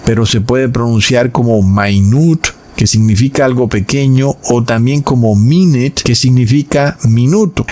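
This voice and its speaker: A man preaching in a sermon-style Bible lesson, addressing his listeners as brothers and slowing down on key words for emphasis. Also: medium pitch, a little mellow.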